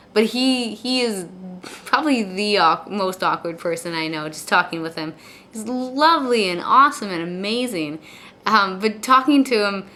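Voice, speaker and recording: A woman chatting casually and confessionally in a video blog, rambling and repeating words, with soft R sounds that lean toward W. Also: medium pitch. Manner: rambling, repeats words and phrases before finishing. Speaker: video blogger. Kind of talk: casual confessional chat to camera. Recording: clear background noise.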